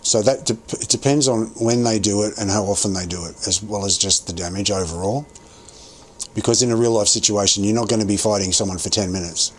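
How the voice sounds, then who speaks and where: Low-voiced man thinking aloud while gaming. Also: brisk. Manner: rambling, thinking aloud with many restarts; chewing gum while talking. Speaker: game streamer. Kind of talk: casual gameplay commentary.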